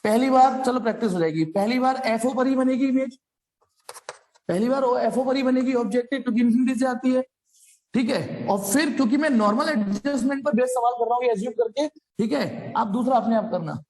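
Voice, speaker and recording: A man's voice: very high-pitched, a little fast, darkish tone. A man teaching a physics class live, explaining problems in a jokey, chatty way and calling his students "beta". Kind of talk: live online class lecture. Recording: long reverb.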